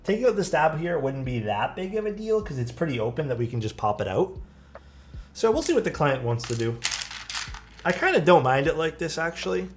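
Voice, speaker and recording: Building a keyboard on a live stream, this man talks a little fast in a slightly high, soothing voice. He keeps it relaxed and chatty, reading out viewer messages and responding. Music plays clearly beneath him with keyboard clacks, and there's slight hiss or hum.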